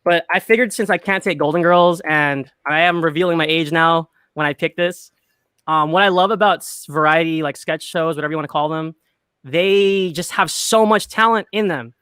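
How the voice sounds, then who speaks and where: A man's voice: on the high side, normal speed, bright, forceful tone, clear, resonant tone, no echo. A man in casual chat, rambling enthusiastically with lots of fillers as he makes his pick. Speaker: draft participant.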